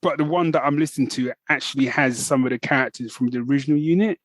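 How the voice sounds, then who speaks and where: This fast-talking man has a medium-pitched voice and co-hosts a podcast, with no echo on the audio. His casual chat is enthusiastic and rambling, full of restarts.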